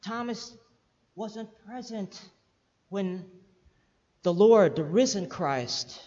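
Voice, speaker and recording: High, lively male preacher in a hall. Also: slow pace. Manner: animated, playful, teases the children and stutters in bursts. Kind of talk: sermon with an interpreter. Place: church hall. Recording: echoey hall, dull sound.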